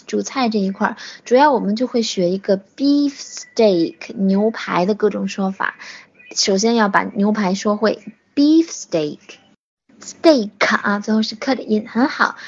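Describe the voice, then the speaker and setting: A woman teaching an online English lesson, saying each English word slowly, repeating it, and praising her learners between items. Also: mid-range voice, a little mellow, slightly rough. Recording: dull lo-fi audio.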